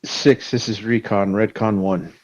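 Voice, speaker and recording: A man's voice: on the low side, fairly even intonation, a little slow. A man answering over a helmet radio in terse, clipped call-sign procedure as a recon team leader. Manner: terse, by-the-book call signs. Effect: helmet radio, heard over comms. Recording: dull, lo-fi radio sound, from far off.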